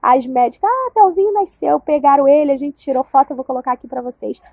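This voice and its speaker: High-voiced Brazilian-style storyteller woman, phone-thin sound. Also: fast, no echo, phone-quality sound. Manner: emotional, animated retelling with quoted dialogue. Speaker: vlogger telling her birth story. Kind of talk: casual storytelling to viewers.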